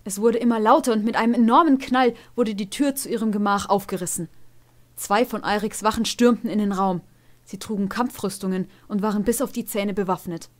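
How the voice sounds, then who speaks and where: A woman's voice: mid-range voice, a little fast. Woman reading a storybook aloud.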